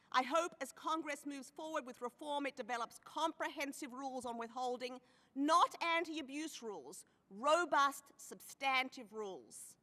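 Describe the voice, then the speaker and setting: A woman giving formal testimony at a hearing, stressing key phrases by slowing down. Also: high voice, pushed and bright. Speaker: hearing witness. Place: large hearing room. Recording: long reverb of a hearing room.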